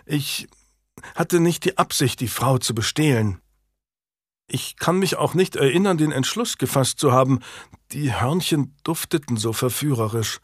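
A man's voice: mid-range voice, lively intonation, unhurried, husky, no room sound, clean studio sound. A man voicing a hungry, ashamed fourteen-year-old noble boy who speaks formally and humbly in a storybook reading.

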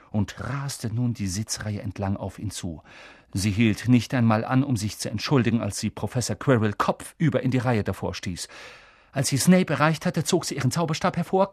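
Husky male audiobook narrator. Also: mid-range voice, a little mellow, dry recording, clean studio sound. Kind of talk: scripted narration.

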